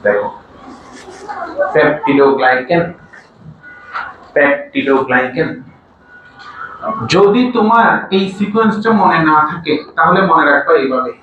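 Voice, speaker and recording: A man's voice: high voice, lively intonation, a little fast, few pauses, phone-quality sound. A man teaching a biology class, often asking his students to repeat answers back to him. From Bangladesh. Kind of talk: classroom lecture. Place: large classroom. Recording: echoey room from far off, noisy.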